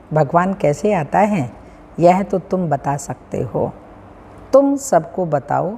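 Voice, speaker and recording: Slow, low-voiced woman reading scripture in a hall. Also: darkish tone. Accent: Hindi, North Indian. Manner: measured, sing-song recitation with pauses, clears throat often. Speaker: spiritual teacher reading a daily discourse. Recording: long hall reverb, faint room hum.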